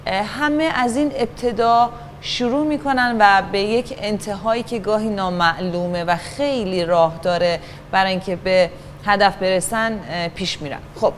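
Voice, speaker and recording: A woman teaching a children's acting class, patient and encouraging, giving instructions and asking the class to keep quiet and pay attention. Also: mid-range voice, a little hiss or hum.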